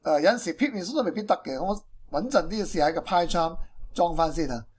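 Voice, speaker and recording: A man's voice: on the high side, lively intonation, quick pace, husky. A man with a Hong Kong accent presenting an informal programming tutorial, mixing in English technical terms. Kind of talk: informal screencast tutorial explanation.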